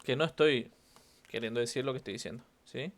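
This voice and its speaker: A man's voice: medium pitch, brisk, gravelly. Man, Rioplatense accent, teacher, walks through intonation patterns by repeating example phrases with stress. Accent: Rioplatense Spanish. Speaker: English teacher. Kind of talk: online class explaining intonation.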